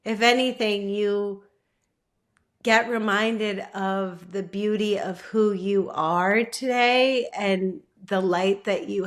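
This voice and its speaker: A woman actor talking as a podcast guest in a casual, gushing way, laughing easily. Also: mid-range voice. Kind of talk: casual chat.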